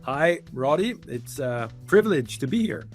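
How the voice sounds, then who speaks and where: A middle-aged man from Switzerland, a guest speaking in a relaxed, conversational way with frequent laughs in a podcast interview. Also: medium pitch, normal speed, soft background music. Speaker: guest, head of organizational development.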